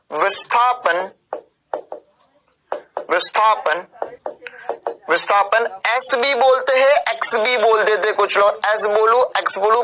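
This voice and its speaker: A man's voice: sits high, sharp tone, a little hiss or hum, rough recording. A man teaching physics in an online exam-prep lecture, emphatic and informal, checking in with his students by tag question and calling them kids and brother. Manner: emphatic, repeats tag questions, calls students 'beta' and 'bhaiya'; informal joking asides while explaining.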